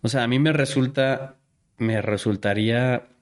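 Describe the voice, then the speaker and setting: A mid-pitched man, hosting a casual podcast conversation. He talks with slang and stumbles into repeated restarts as he works out his point. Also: a little slow. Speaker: podcast host.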